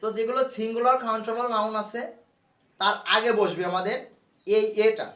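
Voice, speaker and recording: High-voiced man teaching grammar in an echoey room. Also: fairly even intonation, a little fast, a bit bright. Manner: repetitive, step-by-step explaining. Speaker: English grammar tutor. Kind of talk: explaining grammar at a board. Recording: echoey room, voice from far off the mic.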